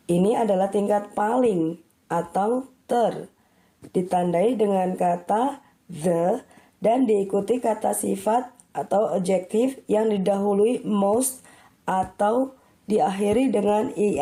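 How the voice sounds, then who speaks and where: Woman, Indonesian accent, young adult, English teacher, very slow, mellow tone, careful syllable-by-syllable delivery. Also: medium pitch, rough recording. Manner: deliberate, stretching out example words syllable by syllable. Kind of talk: slow step-by-step grammar lesson.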